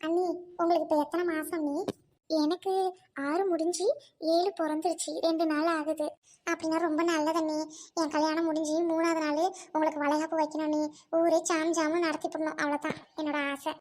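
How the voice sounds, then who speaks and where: A woman voicing a soft-spoken young bride who gives way and stays gentle, in an amateur audio drama. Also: high voice, little pitch movement, brisk, close to an everyday voice. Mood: cheerful. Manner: soft, yielding, tearful.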